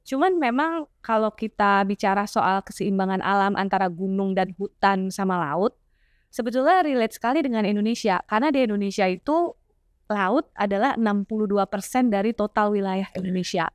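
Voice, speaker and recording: Female interview host, relaxed, smooth clear voice, dry close mic. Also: mid-range voice, normal speed, dry recording. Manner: relaxed, asks long questions. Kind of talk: casual interview chat.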